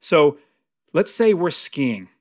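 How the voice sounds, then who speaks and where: Very animated yet slow, this slightly high-voiced American podcast host in his early forties coaches his audience on real estate investing. His motivational, conversational style leans on strong emphasis and repetition to drive each point home.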